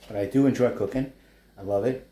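A New York man in his fifties, chef and food blogger, chats about his cooking and small business as he stirs a wok indoors at home, wandering into asides. His lowish, mellow voice goes a little fast, and the living-room kitchen sounds roomy.

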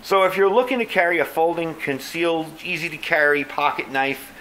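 A man's voice: a little high, fairly quick, pushed and bright, a little hiss or hum. A man casually reviewing folding knives in an easygoing, plainspoken way, with frequent fillers. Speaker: knife reviewer.

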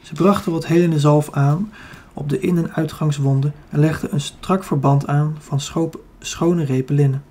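A man's voice: fairly high pitch, fairly even intonation, normal speed, hardly any pauses, dark tone. A man with a Dutch accent narrating a children's fantasy audiobook, reading steadily with the odd slip and self-correction.

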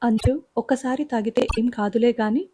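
Brief: woman reading as a worried widowed father, coaxing and evasive, slightly high, mellow voice in a spoken audio story. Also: steady tone, moderate pace, slight background noise, close to an everyday voice. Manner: coaxing, then turns stern.

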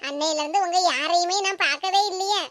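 Very high and bright, southern Tamil Tirunelveli-Kanyakumari accent, proud motherly village aunt voiced by a woman, cartoon, affectionate, dramatic. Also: brisk, no room sound. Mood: comforting. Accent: southern Tamil, Tirunelveli-Kanyakumari dialect. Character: proud, warm-hearted aunt, a middle-aged village woman. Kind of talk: animated cartoon voice acting.

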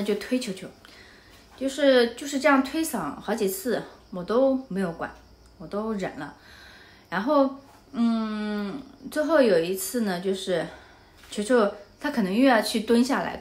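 A woman's voice: mid-range voice, a bit bright. A woman from Anhui, China, vlogging casually and telling a story animatedly, often turning to the viewer with asides.

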